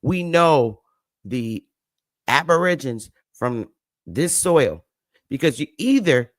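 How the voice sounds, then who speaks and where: A livestream host with a Northern US accent talks slowly at an extremely low pitch, her voice swinging widely in pitch. She lectures her viewers emphatically, repeats her points, and calls on the chat to answer back, all in a dry, clean studio recording.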